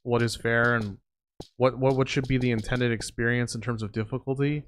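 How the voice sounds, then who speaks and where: A man's voice: medium pitch, flat delivery, brisk. Man thinking aloud while streaming a game. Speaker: livestreamer playing a game. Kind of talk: casual gameplay commentary. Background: music.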